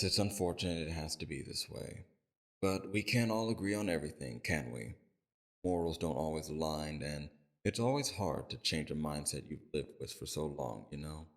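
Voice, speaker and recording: In an audio roleplay, a man voices a calm, courteous villain leader, his voice very deep and gravelly. He speaks civilly and measuredly, probing softly.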